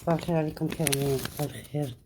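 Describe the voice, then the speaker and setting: A woman's voice: sits low, rapid-fire, very noisy. A middle-aged woman hosting a casual live stream, greeting viewers by name and chatting. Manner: switches between French and Arabic, greets viewers by name.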